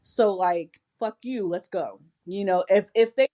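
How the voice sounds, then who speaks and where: A woman's voice: medium pitch, a little slow, warm tone. A woman guest on a wrestling podcast, chatting casually in a blunt, playful way and swearing. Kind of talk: casual chat.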